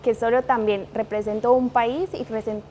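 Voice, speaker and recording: A woman's voice: a little high, little pitch movement, normal speed, warm tone, slight background noise. Colombian woman, earnest interview guest. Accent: Colombian, from Manizales. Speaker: guest, liquor brand manager. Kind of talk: interview conversation.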